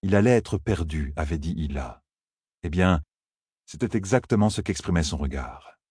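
A man reading an audiobook aloud in an expressive storytelling manner. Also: sits low, moderate pace, breathy edge, dry recording, studio quality. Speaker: audiobook narrator. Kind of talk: scripted narration.

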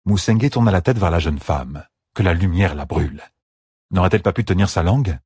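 A man narrating a fantasy battle audiobook with steady, dramatic storytelling. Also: low voice, brisk, slightly rough, no room sound, clean studio sound.

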